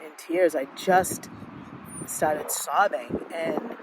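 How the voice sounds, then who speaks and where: Woman host, middle-aged, reflective solo talk, halting and candid, street noise in the background. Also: deep voice. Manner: candid, halting, many fillers and restarts. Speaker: podcast host. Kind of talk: personal reflective monologue.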